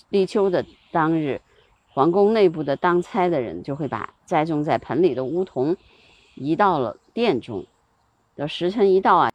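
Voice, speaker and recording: A woman hosting a relaxed talk on seasonal customs, chatty, with many fillers and small laughs. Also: low voice, muffled recording. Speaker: host.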